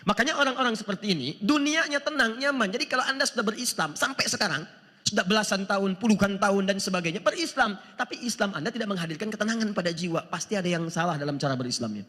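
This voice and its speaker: Male preacher, high and very lively, bright voice, sermon in a reverberant large hall. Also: quick pace. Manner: animated, asks the audience rhetorical questions, chuckles; quotes scripture in Arabic. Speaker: Islamic preacher. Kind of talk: sermon to a live audience.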